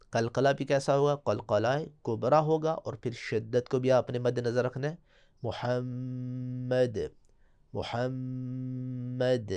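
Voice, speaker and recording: A young man teaching Quran recitation, explaining rules and reciting slow drawn-out examples. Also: medium pitch, darkish tone.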